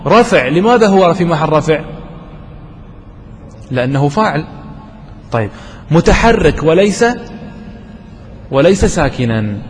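A man's voice: a little high, big pitch swings. Man, classroom grammar lesson, quizzes students, faint background hiss. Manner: asks students questions and answers them himself; slows to stress key terms. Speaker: grammar teacher. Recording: distant voice with long reverb and faint noise.

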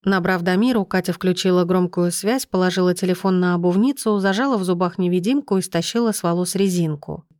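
Lady narrating an audiobook, lowish voice, even steady reading, dry close mic. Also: fairly quick, few pauses, no room sound. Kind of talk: scripted narration.

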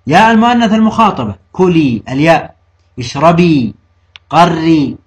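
Male grammar teacher, high voice, slow emphatic quoting of examples. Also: animated. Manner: asks the class questions and answers them himself; slows down to quote and stress examples. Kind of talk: classroom grammar lesson.

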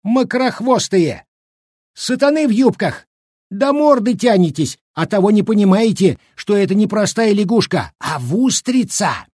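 Brief: old male Cossack cook, sly braggart, shrill and husky, dry storybook read. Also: big pitch swings, measured pace, darkish tone, no echo, heavily acted. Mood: indignant. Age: older. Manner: squeaky, rustic, bickering.

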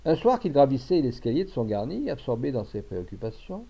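Mellow-voiced man reading a classic tale. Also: mid-range voice, slightly rough. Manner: measured, expressive storytelling. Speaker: narrator. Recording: dull lo-fi recording.

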